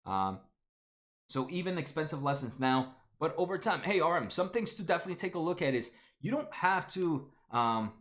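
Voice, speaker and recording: A chatty young man in his twenties hosts a stock market livestream, casually reading viewer comments and addressing viewers by name. His fairly high, fairly bright voice swings widely in pitch, and his speech is halting, with many fillers and restarts.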